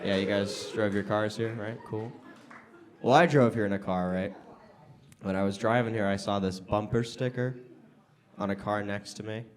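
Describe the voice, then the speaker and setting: An American man doing stand-up comedy with crowd work, talking conversationally to a club audience with pauses and emphatic punchlines. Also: lowish voice, fairly even intonation. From Las Vegas, United States. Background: audience laughter.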